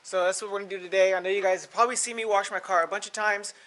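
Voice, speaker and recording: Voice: mid-range voice, fairly even intonation, racing, fairly bright tone. A car vlogger chatting outdoors while hauling gear around, a little out of breath. The talk rambles loosely, full of "uh"s and restarts. It sounds like an easygoing, unscripted vlog caught on a camera mic. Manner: rambling, loose, many fillers. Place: outdoors by a car, prepping a pressure washer.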